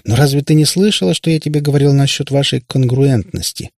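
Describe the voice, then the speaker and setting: A man's voice: medium pitch, brisk, darkish tone, no echo, studio quality, voice pushed up, lightly acted. Man doing a weary long-winded warlock father. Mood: lecturing. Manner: rambling, pompous explaining.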